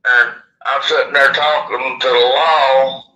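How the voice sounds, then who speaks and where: A man's voice: medium pitch, steady tone, measured pace, pushed and bright, reverberant, dull audio. A man with a lisp and slushy s sounds from missing upper teeth, telling a first-hand story in a casual, folksy, rambling way. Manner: folksy, plain-spoken, rambling. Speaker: interviewee.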